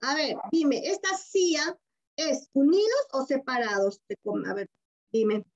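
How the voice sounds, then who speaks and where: Teaching a primary class online, a Peruvian woman uses a high, expressive voice at a measured pace and a Peruvian Spanish accent. She's patient and affectionate, prompting answers with questions and repeating key words. The audio is a dull, lo-fi video call.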